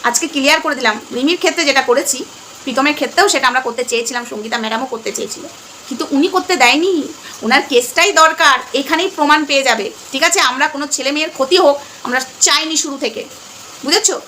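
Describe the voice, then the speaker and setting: A woman's voice: sits high, very fast, bright, forceful tone, a little hiss or hum. A middle-aged woman with a Bengali accent, talking casually and emphatically to her viewers at home and often checking that they follow. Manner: emphatic, repeating "ঠিক আছে?". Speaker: vlogger.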